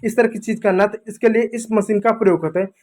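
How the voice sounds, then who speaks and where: A man with a fairly high voice teaches English words in an informal classroom manner. He says each word again and again and keeps checking in with his listeners. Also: fairly even intonation, fast, darkish tone. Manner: repeats words, keeps saying "theek hai" and "dekho doston". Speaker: English teacher on a kids' channel. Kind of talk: informal Hindi vocabulary lesson.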